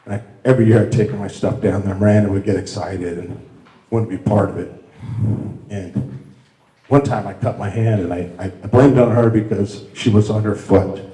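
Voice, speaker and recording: A middle-aged man, father of the bride, giving a rambling, halting wedding toast with many restarts. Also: lowish voice, fairly even intonation, warm tone. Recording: echoey room.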